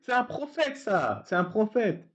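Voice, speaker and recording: A debate channel host, this man has a high, very animated, slightly bright voice and an unhurried pace. He leads a casual, mocking chat full of sarcasm and frequent laughter, captured in dull lo-fi sound.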